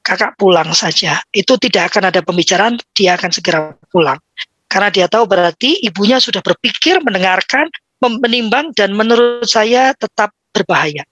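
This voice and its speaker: A woman in her fifties giving an informal talk on parenting, lively and acting out the voices of children and parents. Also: medium pitch, brisk, no room sound. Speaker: parenting speaker.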